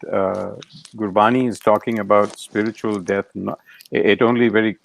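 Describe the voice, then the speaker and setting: Low, gravelly man moderating a discussion. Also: rough recording. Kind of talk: informal scripture discussion.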